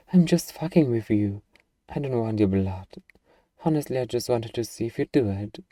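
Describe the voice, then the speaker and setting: In a dry space and set a little back from the mic, a very dark, muffled voice of medium pitch lightly acts the part of a hardened zombie apocalypse survivor. The delivery is sarcastic and swaggering, with a casual, defiant edge fit for an ASMR audio drama, expressive and at normal speed. Recorded from a distance with no echo, the mood is teasing and wry.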